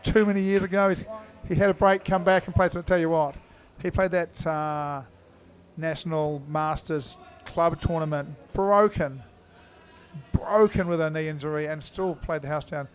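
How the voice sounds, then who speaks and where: A man giving live commentary on an indoor cricket match, chatty and full of fillers, now and then breaking into loud greetings to viewers. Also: on the high side, fairly even intonation, normal speed.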